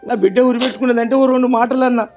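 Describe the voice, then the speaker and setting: A man's voice: extremely high pitch, steady tone, rapid-fire, a little mellow, faint music behind. An actor with a Telangana Telugu accent playing a grieving older father who laments at length. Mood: lamenting. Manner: pleading, lamenting in long rural laments. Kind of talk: family web drama acting.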